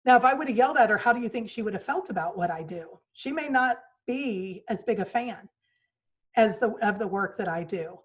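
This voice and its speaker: A woman's voice: mid-range voice, animated, fairly quick, dull audio. A woman in her forties giving a motivational talk, earnest and storytelling, acting out quoted lines with changes in tone. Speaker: speaker at a virtual retreat. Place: home office. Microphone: video call mic.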